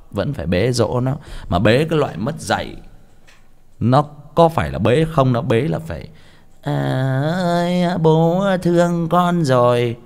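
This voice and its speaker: Young man, low voice, rambling storytelling read with stammers. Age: young adult. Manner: casual, stammers and repeats words. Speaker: audiobook reader. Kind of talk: rambling spoken monologue.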